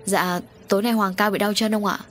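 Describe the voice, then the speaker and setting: A woman voicing a blunt, loud-spoken man who leads a crew of dock workers, in an audio story. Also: mid-range voice, fairly even intonation, a little fast, soft background music, close to an everyday voice.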